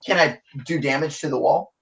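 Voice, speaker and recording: A man chats casually as a player in a tabletop game. His voice is a bit high. He comes across as insistent and mischievous. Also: a little fast, gravelly, a bit bright.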